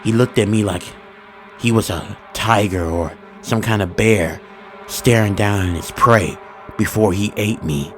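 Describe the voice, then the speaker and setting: A man narrating a first-person horror story in a steady, ominous storytelling manner with informal grammar. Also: lowish voice, measured pace, a little hiss or hum.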